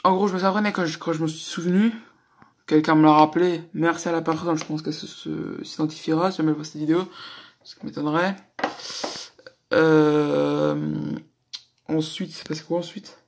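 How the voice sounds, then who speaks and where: A man's voice: fairly high pitch, little pitch movement, moderate pace, creaky. A young man doing casual reaction commentary, rambling, slangy and swearing a lot. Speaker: reaction YouTuber.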